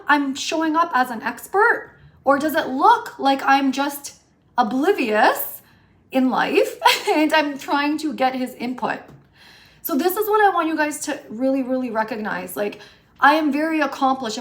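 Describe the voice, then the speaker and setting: A woman in her late thirties, a relationship coach, talking to her viewers in an animated, chatty way and often asking "right?". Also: high-pitched. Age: 30s. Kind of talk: casual chat to camera.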